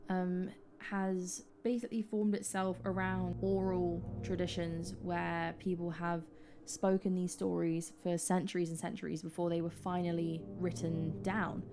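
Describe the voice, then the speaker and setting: A woman's voice: on the low side, flat delivery, measured pace, over music. A British woman in her twenties co-hosting a podcast, chatty and self-deprecating. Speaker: podcast co-host. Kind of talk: casual chat. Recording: noisy background.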